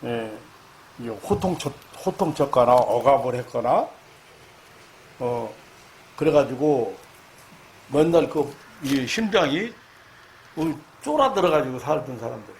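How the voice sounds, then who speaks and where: A man preaching a sermon lecture as a pastor, halting with fillers, then rising loud and high to stress his points. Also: lively intonation, a little hiss or hum. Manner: halting, many fillers and restarts.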